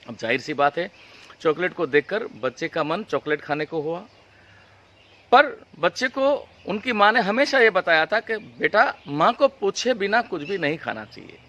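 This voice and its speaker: A man's voice: on the high side, fairly bright tone, a little hiss or hum. A man who is a spiritual teacher gives a motivational talk with a story, speaking earnestly and persuasively and often calling his listeners friends. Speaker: spiritual teacher leading retreats.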